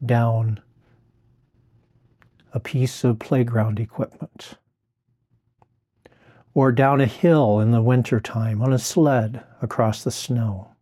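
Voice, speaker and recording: A man slowly guiding the listener through a relaxation exercise in a soothing, drawn-out way. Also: medium pitch, warm tone. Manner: slow, soothing, drawn-out phrasing. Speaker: relaxation guide. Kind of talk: guided relaxation script.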